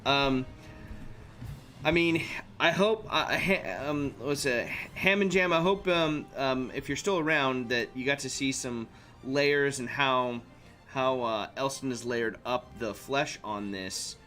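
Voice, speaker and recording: A man's voice: mid-range voice, slow pace, sharp tone, soft background music. Rambling man hosting a stream. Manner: rambling, many fillers and restarts. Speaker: streamer host. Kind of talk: casual live-stream chat.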